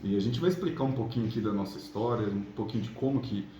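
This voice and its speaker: A Brazilian man from São Paulo state, a relationship coach who hosts a channel, offers casual motivational advice, chatting colloquially to viewers and checking in with little tag questions. His voice is on the low side, fast, and mellow. The recording has a roomy echo and clear background noise.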